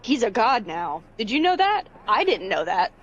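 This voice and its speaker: A woman's voice: a little high, very animated, a bit bright. Woman player, bouncy voice, muffled lo-fi mic. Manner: quick, teasing quips. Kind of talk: casual tabletop play. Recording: dull lo-fi mic.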